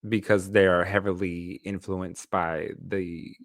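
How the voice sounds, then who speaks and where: A man from Los Angeles with a fairly low voice tells a personal story on a podcast. He rambles, filling his sentences with "like" and stopping to correct himself. The recording is dry and close, with no room sound. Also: flat delivery, slow, no room sound. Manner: rambling, many fillers and self-corrections. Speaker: podcast co-host. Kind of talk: casual chat, personal storytelling.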